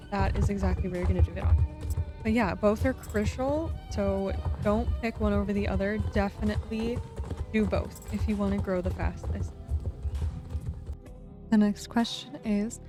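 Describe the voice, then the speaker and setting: Young woman host, casual commentary, laid-back and direct, music behind. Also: mid-range voice. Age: young adult. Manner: relaxed, direct advice-giving. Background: background music.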